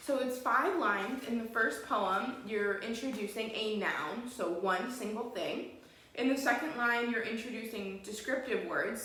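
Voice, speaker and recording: A woman's voice: medium pitch, bright, forceful tone. A woman teaching an online poetry lesson, explaining each rule patiently and step by step. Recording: very echoey room.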